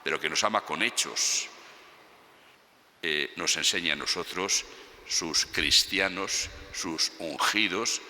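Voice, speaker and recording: Deep-voiced priest preaching in cathedral echo. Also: male voice, bright, forceful tone. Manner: measured, solemn, phrase by phrase. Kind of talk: homily and liturgical prayer. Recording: long cathedral echo, faint background noise.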